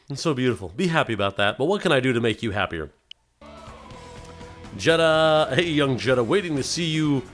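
A man's voice: mid-range voice, fairly bright tone. A man hosting a casual game livestream, chatting loosely and playfully with viewers and slipping into silly voices. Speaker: livestream host.

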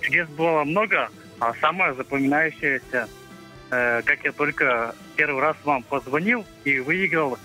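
A man phones in to a show with a bright, forceful, fairly high voice. He chats casually and haltingly, and faint music plays behind the call. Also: rough recording. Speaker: phone-in caller. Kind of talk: hesitant casual chat.

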